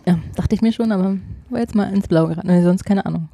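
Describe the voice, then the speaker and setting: Podcast cohost, dry teasing humour, mellow voice, dead dry sound. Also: medium pitch, quick pace, dry recording. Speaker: podcast co-host. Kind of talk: casual chat.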